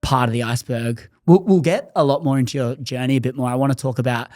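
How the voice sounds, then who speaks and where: A man's voice: medium pitch, fast, darkish tone, no room sound. Aussie guy hosting a podcast, loose chatty talk, mid voice, dead dry mic. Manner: chatty, thinks aloud with fillers. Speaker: podcast host. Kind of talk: casual interview.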